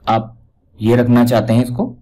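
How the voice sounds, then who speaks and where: A man giving a casual step-by-step software tutorial, pointing out each step as he goes. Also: medium pitch, completely flat delivery, moderate pace, low-quality recording. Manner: talks step by step, repeats "dekhiye" while pointing things out. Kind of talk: casual screen-recorded tutorial.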